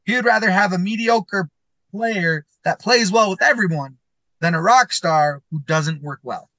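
A man's voice: sits high, unhurried, pushed and bright, no echo. A male podcast host chatting casually from his van, his voice sounding tinny through a laptop's built-in mic, often restarting his sentences. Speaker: podcast host, school counselor. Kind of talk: casual chat. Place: inside his van while traveling.

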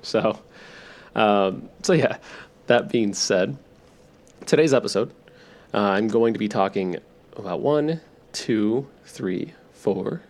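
Man, lowish pitch, heavy vocal fry, drowsy gravelly tone, relaxed rambling monologue, self-deprecating podcast host. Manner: low-key, self-deprecating, thinking out loud. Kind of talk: rambling, relaxed stream-of-consciousness monologue for sleep listeners.

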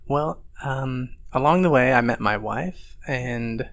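A man in his thirties from Texas talks about his craft as an interview guest. He speaks in a relaxed, unhurried way, often pausing on ums. His mid-pitched voice carries a gravelly edge. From Fort Worth, Texas. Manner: relaxed, hesitant with many ums. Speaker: ceramic artist guest. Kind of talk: casual interview answers.

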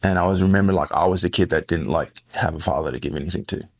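This podcast guest is a man in his forties with a low, gravelly voice and an Australian accent, talking fast. He was born in the US and grew up in Western Australia. In this casual interview, he tells stories in a rambling way, often correcting himself.

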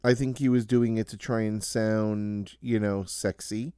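A man's voice: on the low side, steady tone, a little slow, mellow, clean tone, no room sound, clean studio sound. A man co-hosting a casual podcast chat, reading out song facts with fillers and joking asides. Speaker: podcast co-host.

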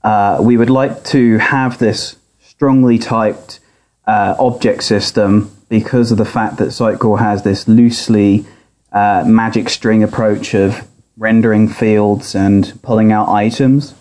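A man explaining technical work as a podcast guest, recorded through a laptop speaker rather than a proper microphone, in a measured conversational way. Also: lowish voice, steady tone, a little mellow. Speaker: podcast guest, software architect. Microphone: laptop's built-in audio, not a microphone. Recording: picked up by laptop speaker, poor audio.

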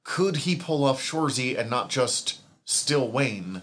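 A podcast co-host chats casually, rambling and swearing freely while hiccuping from eating. His voice is medium-pitched and fairly bright, with lively intonation and an unhurried pace.

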